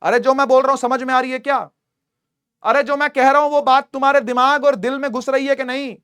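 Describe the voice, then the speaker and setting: Man, physics teacher, very high voice, chatty lecture, dry close sound. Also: steady tone, brisk, fairly bright tone, smooth, no room sound. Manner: chatty, addresses students as beta, repeats "theek hai". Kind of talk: online class lecture.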